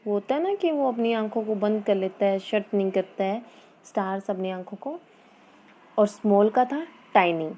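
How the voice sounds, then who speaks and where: A woman's voice: medium pitch, expressive, warm tone, a little hiss or hum. A woman teacher explaining an English poem lesson, asking her students questions and repeating key words. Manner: reads English lines slowly and carefully. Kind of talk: online class lesson in Hindi-English mix.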